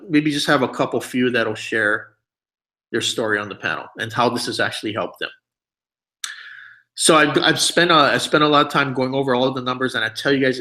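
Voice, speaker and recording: A man hosting a webinar and giving a persuasive sales pitch, often checking in with his audience. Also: pushed and bright, low-quality recording. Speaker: webinar host.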